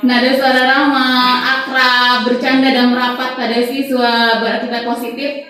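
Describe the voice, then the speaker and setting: A woman's voice: sits high, flat delivery, moderate pace, crowd noise. A woman teacher presenting a training module to fellow teachers, talking casually with many fillers. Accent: Indonesian. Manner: chatty, many fillers, frequent soft laughs. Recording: very echoey room, voice far off.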